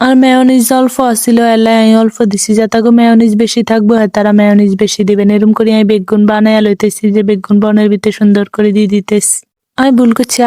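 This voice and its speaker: Fast-talking Chandpur woman narrating cooking. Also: mid-range voice, warm tone, no room sound, studio quality. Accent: Chandpur Bengali dialect. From Bangladesh. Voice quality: chatty, rambling, self-deprecating. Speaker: cooking vlogger. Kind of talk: casual voice-over narration.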